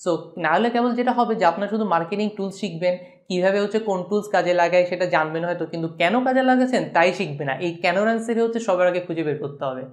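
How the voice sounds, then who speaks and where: Fast-talking Bangladeshi woman teaching. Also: on the low side, expressive. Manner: brisk explaining, mixing English terms. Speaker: course instructor. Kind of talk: online lecture.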